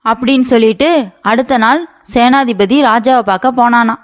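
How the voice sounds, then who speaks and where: A woman's voice: on the high side, steady tone, normal speed. A woman narrating a cartoon story in a folksy storytelling manner.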